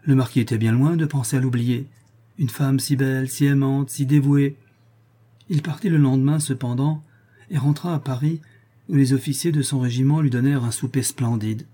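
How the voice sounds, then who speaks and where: A man narrating a classic novel as an audiobook, in a measured reading style. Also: mid-range voice, steady tone, warm tone.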